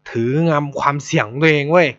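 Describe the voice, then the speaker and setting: Talking fast in a voice on the high side, the Thai host relates stories in blunt, lively, casual chat laced with plenty of swearing. The audio is dull and lo-fi.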